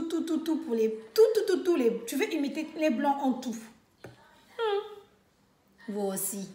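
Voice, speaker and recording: High-voiced scolding Congolese woman. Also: roomy sound. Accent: Congolese French (Brazzaville). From Republic of the Congo. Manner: indignant, scolding, rhetorical questions. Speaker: vlogger. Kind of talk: impassioned direct-to-camera monologue.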